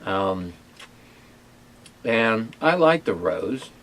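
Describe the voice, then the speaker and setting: A man hosting a casual food tasting video, talking in a halting way with many pauses and fillers. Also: fairly low pitch, big pitch swings, gravelly, a bit bright, slight background noise. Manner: hesitant, many fillers and restarts. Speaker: ministry owner and host. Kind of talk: casual chat and taste test.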